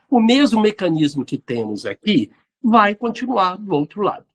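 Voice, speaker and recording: A man, hosting and answering listener questions in an explanatory talk on neuroscience and spirituality. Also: a little high. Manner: didactic, addresses listeners directly.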